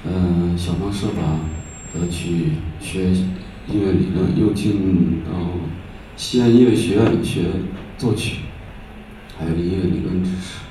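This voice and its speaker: Echoey hall sound. Male musician, mellow low voice, halting informal stage delivery. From Xi'an, Shaanxi, China. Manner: halting, pausing often. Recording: echoey hall, distant mic, faint noise.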